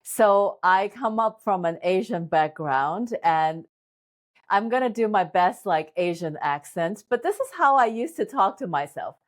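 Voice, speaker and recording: A woman's voice: medium pitch, lively intonation, a little slow. A woman acupuncturist speaking as an interview guest and giving upbeat, encouraging advice. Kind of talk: interview talk.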